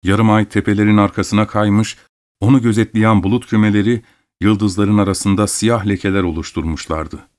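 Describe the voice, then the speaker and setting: A man reads a literary story aloud as a narrator. His voice sits fairly low, and he takes it at a grave, measured pace with deliberate pauses between phrases. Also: fairly even intonation, a little mellow. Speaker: audiobook narrator.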